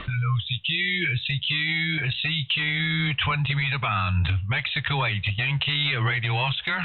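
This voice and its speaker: A man working as an amateur radio operator, calling CQ and repeating his call sign in a measured, repetitive way. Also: medium pitch. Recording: narrow tinny band with clear hiss.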